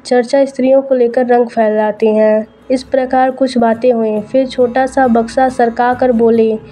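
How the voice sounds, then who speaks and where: Woman reading a story in a flat, mellow voice. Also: on the high side, normal speed. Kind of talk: scripted story narration.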